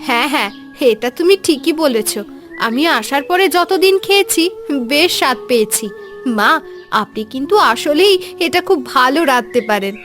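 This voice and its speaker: Cartoon: actress as a soothing young bride, very high, lively voice. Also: female voice, moderate pace, long pauses, faint music behind. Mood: gentle. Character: young new daughter-in-law, gentle and reassuring.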